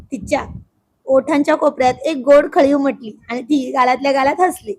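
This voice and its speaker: A woman tells a family story as a scripted narration, reading with expression and pace that follows the scene. Her voice sits high and light. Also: fairly even intonation, moderate pace.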